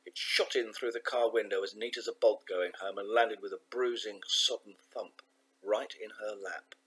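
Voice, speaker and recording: A man reading a children's novel aloud, measured and expressive, slowing down for emphasis. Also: lowish voice, husky, low-quality recording. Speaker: audiobook narrator. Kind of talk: scripted narration of a children's novel.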